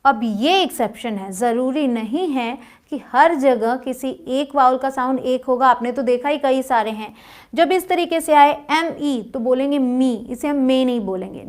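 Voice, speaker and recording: ऊँची आवाज़ वाली भारतीय शिक्षिका. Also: female voice, high-pitched, darkish tone. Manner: patient, spells words letter by letter. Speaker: spoken English teacher. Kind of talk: explaining phonics lesson.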